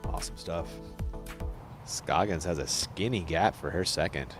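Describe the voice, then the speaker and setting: A man's voice: low-pitched, a little slow, music in the background. A man calling disc golf play-by-play like a golf commentator, in short clipped phrases over outdoor noise. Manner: clipped, telegraphic calls in golf commentator manner.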